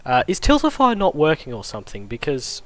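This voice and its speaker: A man's voice: on the high side, huge pitch swings, fairly quick, no room sound. A man giving casual, offhand commentary on a sim racing stream, joking as he goes. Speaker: race commentator.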